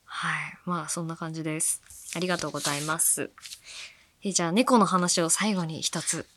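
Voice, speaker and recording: A woman from Fukuoka hosting a radio show, chatting casually and musing aloud, with soft-spoken asides between her points and listener mail. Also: low voice, fairly even intonation, brisk, a little hiss or hum. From Fukuoka, Japan. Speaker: radio host.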